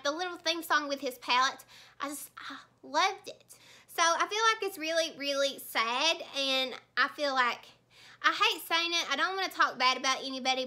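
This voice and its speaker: Young female beauty vlogger, high pitch, chatty and heartfelt, full of fillers and restarts. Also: pushed and bright. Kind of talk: casual chat while doing makeup.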